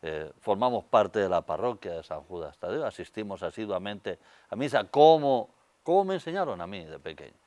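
A man's voice: fairly low pitch, very animated, normal speed, mellow, no room sound. An older man with a Spanish accent from Spain, a guest telling stories in a studio interview, on a lapel mic. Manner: storytelling, gestures with hands, many fillers. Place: TV studio set.

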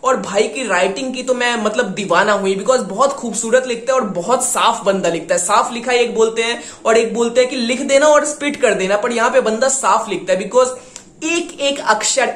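A man hosting a music reaction video, talking with excitement and mixing Hindi with English slang. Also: extremely high pitch, echoey room. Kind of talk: casual reaction commentary.

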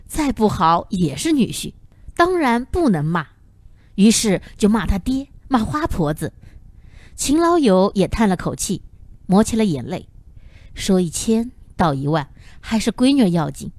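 A woman narrating a novel as an audiobook in an expressive storytelling manner. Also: medium pitch, no echo.

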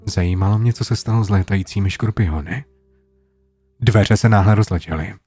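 A man narrating a horror story in a low, hushed storytelling manner, over soft guitar music. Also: breathy edge, no room sound. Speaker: creepypasta narrator.

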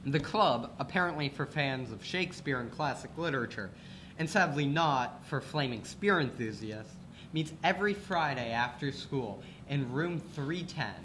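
A man's voice: mid-range voice, lively intonation, moderate pace, a bit bright, slight background noise. Teenage boy reading school announcements. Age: teens. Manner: playful, joking reads. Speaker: student announcements anchor.

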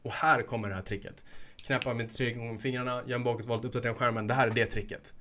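A young man coaching online shop owners in a casual, energetic way. He hypes up his points and drops playful asides, in a voice of middling pitch. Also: a little hiss or hum. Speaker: e-commerce coach. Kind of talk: casual instructional video.

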